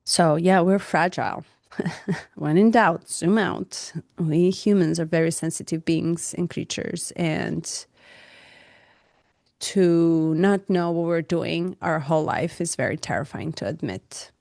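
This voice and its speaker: Woman co-host, non-native english, passionate and animated, slightly low voice, dry close sound. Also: slow pace, creaky, no echo. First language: not English. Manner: passionate, animated, laughs often. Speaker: podcast co-host. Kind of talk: casual reflective conversation.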